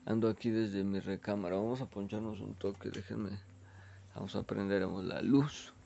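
A man's voice: on the low side, steady tone, moderate pace, gravelly, dark tone, dull audio, a little hiss or hum. A young man with a Mexican accent, rambling laid-back and full of slang in a casual chat from his bedroom. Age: young adult. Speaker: vlogger.

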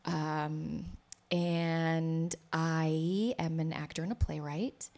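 A woman's voice: low-pitched, steady tone, drawn-out words, darkish tone. A woman, an actor and playwright, chatting in a casual interview and telling her story in a rambling, talkative way. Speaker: actor and playwright, podcast guest.

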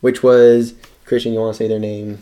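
A man co-hosting a casual podcast chat, relaxed, who repeats phrases for emphasis. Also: fairly low pitch, normal speed, slight background noise. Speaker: podcast co-host.

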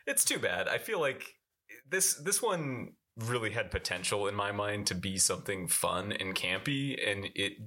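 A man co-hosting a movie review podcast, chiming in with quick agreements and laughing easily. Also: on the low side, very animated, pushed and bright. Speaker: podcast co-host. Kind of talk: casual chat.

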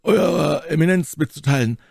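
Man doing proud noble musketeer, firm formal talk, a bit gravelly. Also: a little high, normal speed, a little mellow, dry recording, studio quality, voice pushed up, heavily acted. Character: proud noble male musketeer, steady and dignified. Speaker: audiobook reader.

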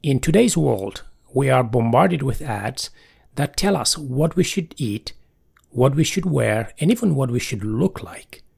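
A man's voice: medium pitch, animated, unhurried, gravelly, a little mellow, husky. A man hosting a motivational podcast, introducing episodes and interviewing guests. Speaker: podcast host.

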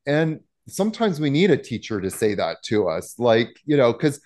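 A man's voice: mid-range voice, big pitch swings, normal speed, darkish tone. Middle-aged guy yoga teacher talking casual, blunt and emphatic, lots of um and you know. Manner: emphatic, outspoken, many fillers. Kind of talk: casual interview talk.

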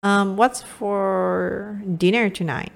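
A woman's voice: mid-range voice, steady tone, slow, gravelly. A woman co-hosting a podcast in casual chat, laughing often. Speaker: podcast co-host.

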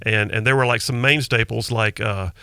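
A man's voice: fairly low pitch, steady tone, normal speed, gravelly, sharp tone, clean tone, dry recording. A middle-aged man hosting talk radio in a folksy, emphatic storytelling way, close on a studio microphone. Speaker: radio talk show host. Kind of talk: conversational talk radio monologue. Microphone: close studio broadcast microphone.

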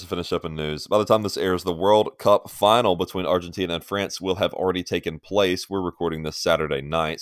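A man's voice: sits low, clear, resonant tone, no room sound, studio quality. A man co-hosting a sports podcast in a casual, opinionated way, often laughing. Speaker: podcast co-host.

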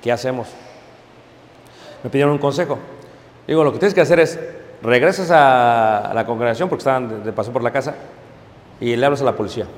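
A man preaching to his congregation, telling stories and calling them brothers, swinging between hushed asides and loud emphatic peaks. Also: medium pitch, fast talker, big-room sound. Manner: storytelling, addresses congregation as brothers, frequent "¿ok?". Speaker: pastor. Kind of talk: sermon.

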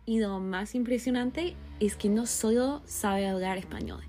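A woman hosting an interview, delivering her narrated links and questions in smooth, prepared phrasing. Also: medium pitch, a little slow, dark tone. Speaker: interviewer and show host. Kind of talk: podcast interview with narrated segments.

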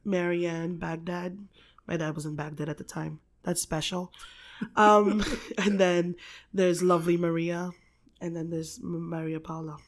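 A woman's voice: on the low side, flat delivery, unhurried. A woman from the Philippines chatting casually as a podcast guest, laughing often, swearing freely and filling gaps with um and like. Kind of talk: casual chat.

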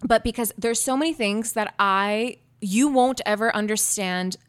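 A young woman co-hosting a relaxed podcast chat. She rambles and digresses, often stopping to ask if her point makes sense. Her voice sits at an ordinary middle pitch. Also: measured pace. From Canada. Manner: chatty, digressive, often checks for agreement. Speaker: podcast co-host. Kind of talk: casual chat.

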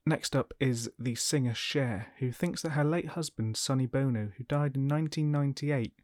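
A man's voice: mid-range voice, moderate pace, darkish tone, no room sound, studio quality. A man hosting a paranormal podcast, narrating from a script. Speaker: podcast host.

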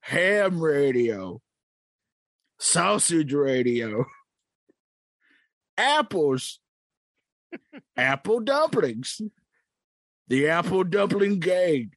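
A man's voice: fairly high pitch, sing-song, a bit bright, dry recording, exaggerated voice. A man playing a cantankerous old prospector. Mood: boastful. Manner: slow, drawling, self-important, with throat-clearing. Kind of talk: improvised comedy bit.

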